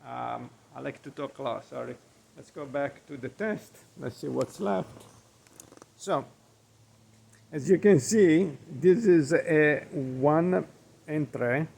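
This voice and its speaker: Outdoors on Florida's Gulf of Mexico coast, a middle-aged man from Italy, a chef with an Italian accent, rambles hesitantly through his food in a casual cooking vlog, saying um and uh frequently in halting English. His voice is fairly high yet gravelly and darkish, and he speaks slowly. There's slight background noise.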